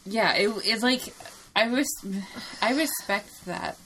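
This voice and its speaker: A woman in relaxed conversation about a film, laughing often and tossing in casual swearing. Her delivery is loose and conversational. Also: fairly high pitch, takes it slowly, slight background noise. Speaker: podcast co-host. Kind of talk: casual chat about a movie.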